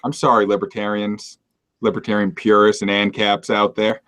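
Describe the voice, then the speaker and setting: A man's voice: fairly low pitch, little pitch movement, moderate pace, fairly bright tone, clear, resonant tone. A man co-hosting a casual political podcast, given to sarcastic joking rants. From Maine. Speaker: podcast co-host.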